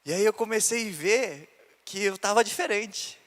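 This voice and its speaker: A man from Brazil, a pastor, tells his own story in a sermon testimony, taking on the voices of those he quotes. His voice is high and fairly bright, his pace a little slow, and a church hall lends it long reverb.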